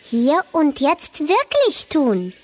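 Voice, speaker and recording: A woman doing a chirpy high little fly. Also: wildly swooping pitch, slow, full character voice. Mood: cheerful. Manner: chirpy, teasing, encouraging. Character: small cheerful buzzing fly. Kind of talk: storybook reading.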